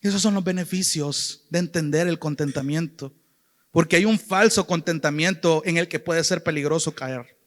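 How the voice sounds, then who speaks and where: A man's voice: a little high, normal speed. A man with a Salvadoran accent preaching a sermon, earnestly addressing his listeners as brother and sister. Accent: Salvadoran Spanish. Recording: long hall reverb.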